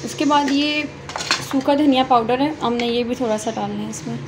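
A woman cooking at home speaks right to her viewers, phone in hand, offering chatty step-by-step instructions. Her fairly high voice moves at normal speed over background noise from loud frying and stirring.

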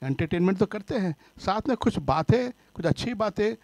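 A man's voice: high voice, moderate pace, dry recording. A filmmaker speaking earnestly at a press conference, explaining and defending his work. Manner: pleading for calm, then earnest explaining.

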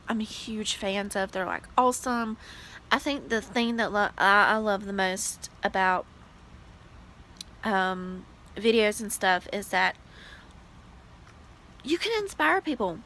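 Bright, gushing young woman vlogger. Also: mid-range voice, slow pace, pauses often, poor audio. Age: 20s. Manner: chatty, gushing, many "like" fillers. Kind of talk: casual vlog chat to camera.

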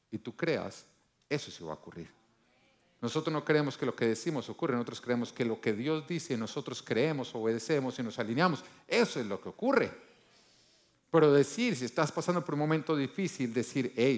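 A male pastor delivering a sermon, emphatic, swinging from loud bursts to low, quiet lines and acting out the voices he quotes. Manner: acts out quoted voices in his preaching.

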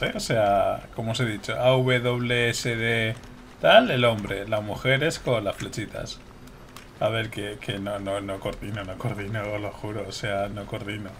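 Spaniard swearing through a gameplay commentary. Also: male voice, mid-range voice, slight background noise. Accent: Spain Spanish. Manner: swearing, laughing, talking to viewers. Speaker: gameplay streamer.

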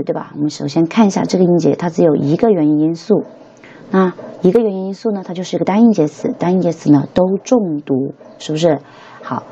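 A young woman gives a relaxed English lesson with a low, mellow voice. Her tone is a bit husky and the recording sounds dull and lo-fi. She keeps checking with her listeners as she talks. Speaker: English teacher. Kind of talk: casual spoken lesson.

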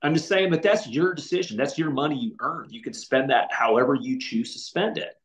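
A podcast guest, a middle-aged man with a brisk, medium-pitched voice, chats earnestly over a casual video call. Restarts and fillers crop up constantly. He's recording from a home room with windows, and there's a roomy echo.

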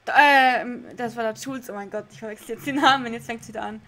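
A woman's voice: a little high, fairly even intonation, a little fast, fairly bright tone. A young woman streaming a game live, chatting with her chat, laughing often and getting confused. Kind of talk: live let's play with chat reading. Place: home room.

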